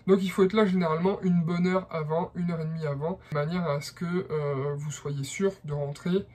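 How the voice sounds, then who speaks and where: A man's voice: on the high side, fairly even intonation, a little fast, a little mellow. A man from France with a French accent, explaining a how-to in a hesitant vlog style with many fillers. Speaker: vlogger.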